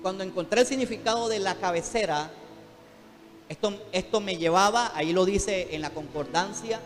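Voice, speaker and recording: A man's voice: sits high, moderate pace. A man preaching a fervent sermon as pastor in a church, calling out to the congregation. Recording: long hall reverb, faint music behind.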